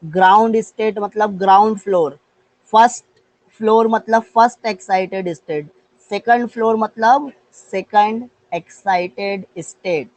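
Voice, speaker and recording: A man's voice: high-pitched, fairly even intonation, unhurried, darkish tone, low-quality recording. A male physics teacher with an Indian accent, giving an online live class and coaxing students with questions. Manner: mixes Hindi with English terms.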